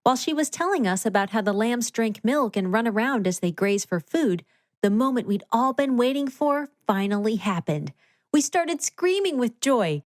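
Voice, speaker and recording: A woman narrating a scripted children's story in an expressive read-aloud manner. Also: a little high, moderate pace, dry recording, studio quality.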